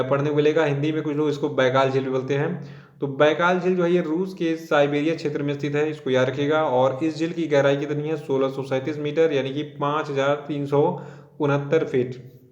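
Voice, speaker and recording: Man teaching exam current affairs, echoey. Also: a little high. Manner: explains patiently, repeating "dekhiye" and "theek hai". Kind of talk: exam-prep lecture. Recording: echoey room, dull lo-fi sound.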